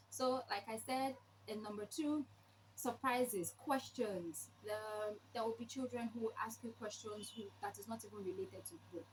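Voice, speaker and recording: A woman with a fairly high voice presents tips in an informal teaching style. She explains point by point, stressing key words and posing questions as she goes. Some noise sits behind her voice. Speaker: presenter sharing read-aloud tips. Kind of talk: informal instructional talk to camera. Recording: clearly noisy background.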